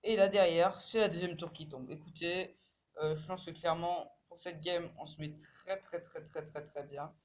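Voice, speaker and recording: Excitable French-speaking gamer commentating. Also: male voice, a little high, moderate pace. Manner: excitable, swears, repeats words, bursts into shouts. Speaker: gamer commenting his own match. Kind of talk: casual live game commentary.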